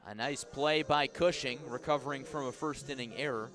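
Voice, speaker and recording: On a live radio sports broadcast, a man does baseball play-by-play, pacing himself evenly between pitches before lifting his voice for the exciting plays.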